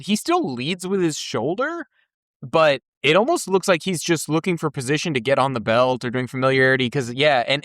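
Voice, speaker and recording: A man hosting a casual chat, eager and animated, quick to agree and jump in. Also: on the high side, dry recording, clean studio sound. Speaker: podcast host.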